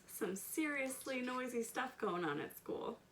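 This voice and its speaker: In a high, fairly bright voice with lively intonation, a woman reads a picture book a little slowly to children, stressing key words and talking to them directly with questions in simple language. She's a storytime reader and children's educator who adds chatty asides. The recording is rough, with a slight hiss or hum.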